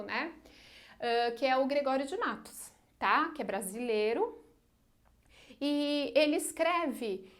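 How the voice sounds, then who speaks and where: A woman teacher with a Brazilian accent giving a recorded literature lesson, explaining step by step and often checking in with her students. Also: fairly high pitch. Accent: Brazilian Portuguese. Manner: counts syllables aloud slowly. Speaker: Portuguese language teacher.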